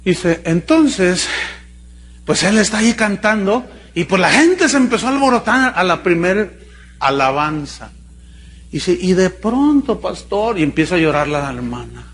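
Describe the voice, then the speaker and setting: A man from Mexico with a Jalisco accent, a pastor preaching a sermon in an animated, joking way, full of rhetorical questions. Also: high-pitched, a little slow, a little hiss or hum. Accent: Mexican Spanish, Jalisco. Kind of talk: sermon with storytelling.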